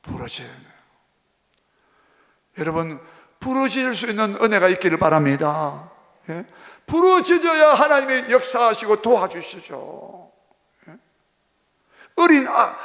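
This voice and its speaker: High-voiced preaching man in a reverberant church. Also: vocal fry, a bit bright. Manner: emphatic, repeats phrases and prompts the congregation. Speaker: pastor. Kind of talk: sermon. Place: church sanctuary. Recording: long reverb of a church hall.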